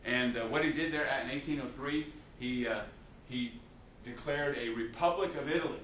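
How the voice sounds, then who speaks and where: Speaking at a moderate pace, this man has a mid-range, slightly bright voice over faint background noise. He's a teacher delivering an off-the-cuff history lecture in story form, full of fillers and false starts. The recording comes from a distant mic in an echoey room.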